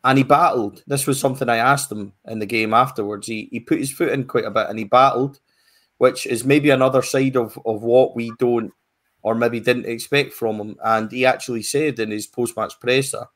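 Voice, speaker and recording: A man's voice: mid-range voice, steady tone, moderate pace, fairly bright tone. A man chatting casually as a football pundit, with frequent fillers and restarts.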